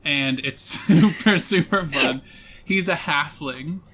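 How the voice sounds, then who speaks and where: A man co-hosting a podcast in casual chat, joking and teasing his co-host with quick banter. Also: on the high side, pushed and bright, slight background noise.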